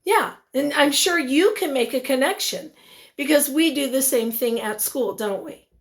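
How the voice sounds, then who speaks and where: A female teacher reads a picture book aloud to small children with lots of expression, stopping now and then to ask them questions. Her voice is high.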